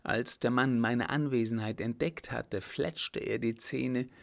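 A man's voice: medium pitch, a little slow, vocal fry. A man doing a cheeky, loyal young servant.

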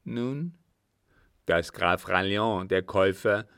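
A commanding, scheming captain with a loud, urgent and conspiratorial manner, voiced by a man. He is low and gravelly, with a dry, close sound, like a storybook reading. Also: slow pace, no echo, heavily acted.

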